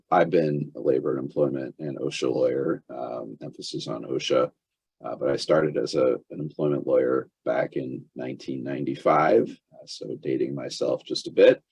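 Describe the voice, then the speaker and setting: A man in his fifties, a congested lawyer hosting a webinar, talking haltingly with lots of fillers and restarts. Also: extremely low pitch, gravelly, a little mellow, husky, no echo. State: congested, recovering from illness. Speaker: employment lawyer, webinar host. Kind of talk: webinar presentation. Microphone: computer mic on a video call without camera.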